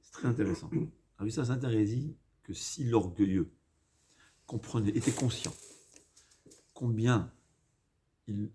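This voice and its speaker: A man with a foreign accent in French, not his native language, giving an informal Torah lesson, haltingly repeating and rephrasing and mixing in Hebrew quotations. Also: on the low side, dark tone. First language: not a native French speaker. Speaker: rabbi giving a religious lesson.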